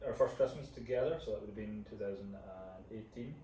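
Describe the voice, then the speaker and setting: Co-hosting a vlog with his partner, this young man from Scotland talks in a relaxed, informal way, working things out aloud as he explains. He has a Scottish accent and a fairly low, dark-toned voice, speaking a little fast. The sound is distant and echoey, with faint background noise.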